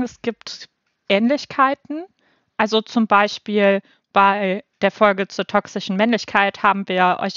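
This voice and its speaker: A woman of twenty-eight from North Rhine-Westphalia, co-hosting a podcast and explaining things in a measured way. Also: mid-range voice, fairly bright tone, no echo, dull audio. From North Rhine-Westphalia, Germany. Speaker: podcast co-host. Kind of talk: scripted podcast discussion.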